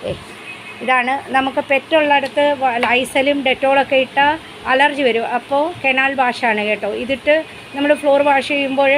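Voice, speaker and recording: A woman's voice: high voice, steady tone, measured pace, a bit bright, slight background noise, rough recording. A woman vlogging casually about her pet dog, chatty and explaining things step by step, switching to coaxing baby talk with the dog. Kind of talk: casual vlog narration.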